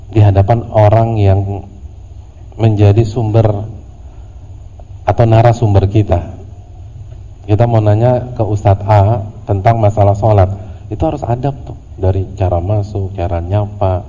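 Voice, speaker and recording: A man teaching a religious study class in a relaxed, conversational way, with humorous slang asides. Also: lowish voice. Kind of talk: casual religious study lecture. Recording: lo-fi audio in a reverberant hall with faint noise.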